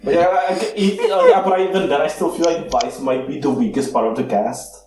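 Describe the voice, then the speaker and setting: A man's voice: a little high, fairly quick, darkish tone. A man co-hosting a podcast in casual chat, rambling with lots of fillers. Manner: rambling, with many "like, you know" fillers. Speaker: podcast co-host. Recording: roomy, distant mic with faint noise.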